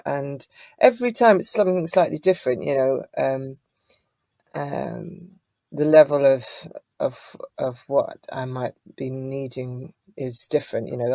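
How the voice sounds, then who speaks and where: A singer-songwriter being interviewed tells warm, chatty stories packed with filler words. She has a bass voice, and there is no room sound.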